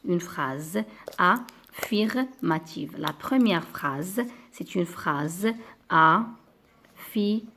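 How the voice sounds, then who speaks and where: A woman's voice: lowish voice, expressive, takes it slowly, a little hiss or hum. A woman teaching a grammar lesson to primary school children, patient and repeating key words.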